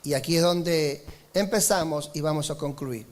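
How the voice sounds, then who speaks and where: Male pastor mid-sermon, high pitch, emphatic, calls for amens. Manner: preaching with rises in pitch and slowed emphatic lines, asking the congregation for amen.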